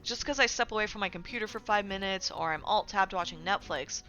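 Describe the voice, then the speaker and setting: In a muffled recording, a woman streamer gives casual livestream commentary in a brisk, mid-range voice that is pushed and bright. She's chatty, stuffs her speech with fillers, and often asks her viewers "right?"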